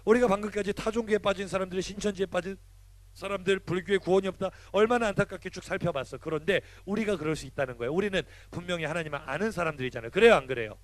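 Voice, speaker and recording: A man's voice: high voice, racing. A man, a youth pastor, preaching a sermon to teenagers, calling for responses and scolding them teasingly.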